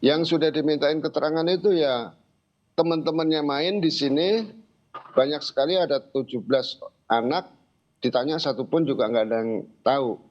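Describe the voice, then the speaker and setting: A man's voice: on the high side, normal speed, long pauses. Older man, dull lo-fi recording. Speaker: interviewee, grandfather of a missing child. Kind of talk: spoken interview account. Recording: dull lo-fi sound.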